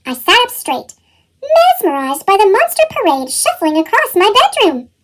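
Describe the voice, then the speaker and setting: A woman's voice: wildly swooping pitch, moderate pace, background noise. A woman reading a scripted children's story, with her voice shifted up into a chipmunk effect. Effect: chipmunk pitch-shifted voice. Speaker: storybook reader.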